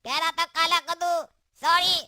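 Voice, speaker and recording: Cocky young cartoon hero, brags nonstop, very high bright voice. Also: female voice, steady tone, moderate pace, dry recording, clean studio sound, full character voice. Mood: brash. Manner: bragging, teasing. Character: boastful cocky young male troublemaker.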